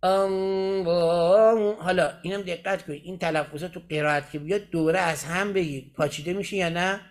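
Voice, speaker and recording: A man's voice: on the high side, fairly bright tone. A man teaching Quran recitation in a class, explaining step by step and often checking that his students have followed.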